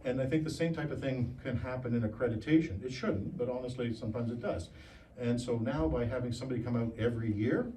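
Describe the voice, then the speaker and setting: Mellow older man, distant mic. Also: medium pitch. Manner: folksy, asks and answers his own questions. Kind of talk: informal explanation to a meeting. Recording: distant mic, faint background noise.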